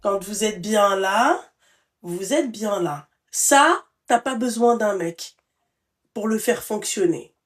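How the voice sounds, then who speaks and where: A woman hosting a live stream, giving blunt, familiar advice to a caller, full of endearments and animated outbursts. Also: mid-range voice, slow pace. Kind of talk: casual live advice chat.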